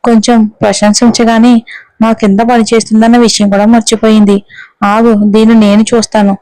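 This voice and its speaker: A spiteful young office woman full of envy, voiced by a woman narrator in her own voice, snide and scheming. The sound is smooth, slightly high and dry. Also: little pitch movement, brisk, mellow, no echo, natural voice, poor audio.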